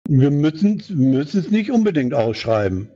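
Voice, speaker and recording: Male board member, rambling, mellow tone, muffled lo-fi audio. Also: on the high side, sing-song, normal speed, slightly rough. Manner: rambling, thinks aloud with fillers. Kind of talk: meeting discussion. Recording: dull lo-fi sound.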